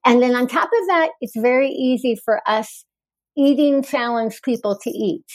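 A woman's voice: fairly high pitch, moderate pace, no echo. A woman in her forties, a guest author in a candid podcast interview, talking frankly with wry humor and easy laughter.

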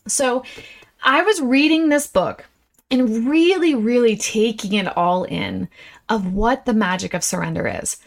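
High-voiced, unhurried woman podcaster in an RV. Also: gravelly. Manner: animated, exclamatory, chatty with folksy "y'all". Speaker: podcast host. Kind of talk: enthusiastic casual motivational monologue. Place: inside an RV.

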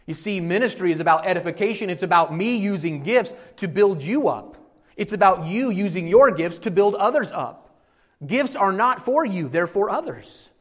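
Man preaching with rising emphasis. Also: high voice. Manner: swings between quiet explanation and rising emphatic preaching; addresses congregation directly with rhetorical questions. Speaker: pastor. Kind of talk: sermon.

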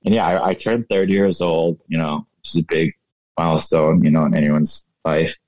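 Deep, flat-voiced man in his thirties. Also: normal speed, no room sound, muffled recording. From United States. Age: 30s. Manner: relaxed, reflective, many fillers like "you know". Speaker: guest, fashion entrepreneur. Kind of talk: casual interview.

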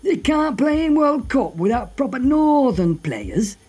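A man's voice: very high voice, sing-song, unhurried, darkish tone, husky, full character voice. A man playing a jovial, grumbling Northern English radio host with a folksy, droll manner in a comedy show. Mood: mock-earnest ranting. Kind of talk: comic radio monologue and phone-in.

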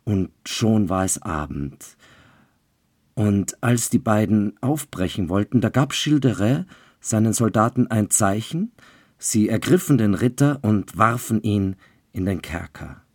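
A deep-voiced man telling a grim fairy tale at an unhurried, deliberate pace. His measured storytelling sounds close to the mic and completely dry, with no room sound. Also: lively intonation, darkish tone, breathy edge, no room sound.

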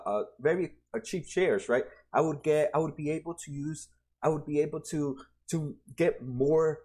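With a mid-range voice carrying a breathy edge, a man in his twenties casually explains retirement funds over slides as a personal finance explainer. His conversational delivery is full of restarts and "right?" tags.

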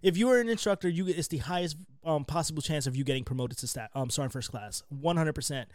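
A man's voice: a little high, quick pace, dry recording. Joking man in his late twenties. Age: 20s. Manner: joking, teasing, animated. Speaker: podcast host. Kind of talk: casual chat.

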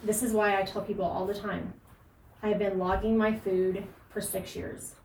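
A woman's voice: medium pitch, flat delivery, moderate pace, vocal fry, a little mellow, roomy sound. Woman fitness podcast host, emphatic and earnest, distant mic with faint noise. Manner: emphatic, earnest, frequent fillers and laughs. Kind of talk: casual podcast advice.

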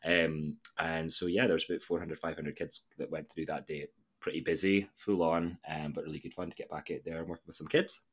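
Deep voiced guy hosting a podcast, chatty, pauses a lot as he goes. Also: fairly even intonation, slightly rough. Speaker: podcast co-host and interviewer. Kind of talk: casual chat.

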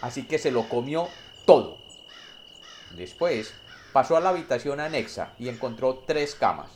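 A man's voice: mid-range voice, a little hiss or hum. Man telling a dry, satirical fairy tale. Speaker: storyteller. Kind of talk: comedic story narration.

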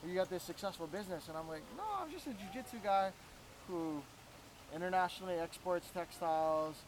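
Sitting in on a laid-back podcast interview, a real estate agent from Florida spins lively anecdotes, performing the voices of people he quotes. He talks fairly quickly in a high voice, and the low-quality recording carries slight background noise.

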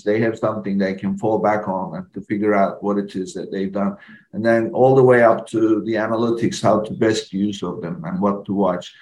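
A man hosting a casual interview, conversationally summarizing his guest's points. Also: on the low side. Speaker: podcast host. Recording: roomy echo.

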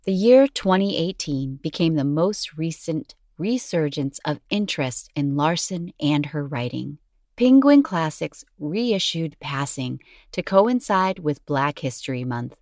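A low-voiced woman reads an educational script in a measured, articulate way, sounding very animated and a little mellow. The recording is dry, with no room sound at all.

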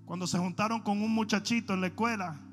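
A male pastor preaching a sermon in an animated storytelling manner, speaking to his congregation. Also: sits high, fast, soft background music.

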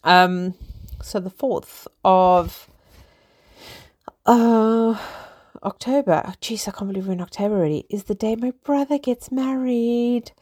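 A woman from Africa, hosting a casual solo podcast from her small flat. She rambles in an upbeat way and repeats words. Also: on the high side, unhurried, dry recording, clean studio sound. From South Africa. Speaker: podcast host.

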